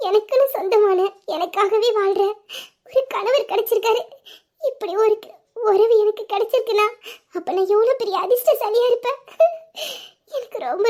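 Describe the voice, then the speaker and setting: A woman's voice: extremely high pitch, darkish tone. A woman voicing a shy, affectionate young bride in a romantic audio drama, coy and teasing, then tearful and gushing.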